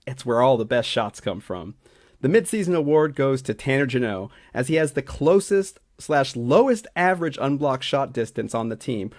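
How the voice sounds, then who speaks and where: A man of middling pitch reads through a scripted list of season awards as a regular on a hockey show. His delivery is steady and packed with numbers, with the odd slip and restart. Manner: steady, stat-heavy delivery with small slips and restarts. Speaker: hockey analytics writer and podcast regular. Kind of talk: reading a scripted awards segment.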